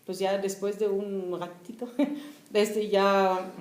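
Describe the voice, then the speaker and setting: A woman's voice: medium pitch, little pitch movement, takes it slowly, darkish tone. A young German-born woman, a writer with German as her first language, chatting and laughing as she tells stories at a public discussion. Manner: chatty, laughing storyteller with many fillers. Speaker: author guest. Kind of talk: casual talk at a public discussion. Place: room at a public gathering. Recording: roomy echoey venue.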